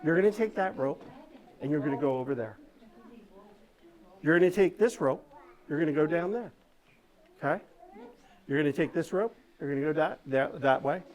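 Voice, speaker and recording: A woman's voice: low voice, lively intonation, normal speed, pauses often, darkish tone. A woman doing live magic show patter for children, giving step-by-step instructions and coaxing the audience along with frequent check-in questions. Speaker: stage magician performing for children.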